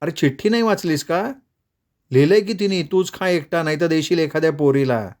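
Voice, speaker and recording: A man reading a storybook voices a cheerful, teasing young woman in a higher, playful voice. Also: brisk, a little mellow, natural voice.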